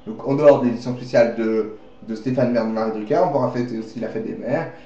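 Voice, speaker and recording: A man reads out a mock news bulletin in a mellow, unhurried voice, rambling and joking as he stumbles over times and facts. The sound is dull and boomy, caught by a webcam in an echoey room at home. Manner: rambling, joking, often correcting himself.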